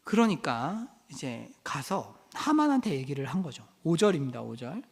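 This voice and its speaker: Lively chatty pastor in an echoing hall. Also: male voice, fairly high pitch, moderate pace, vocal fry, husky. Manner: chatty, acts out little dialogues and asks the listeners questions. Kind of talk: casual Bible study sermon. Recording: long church hall reverb.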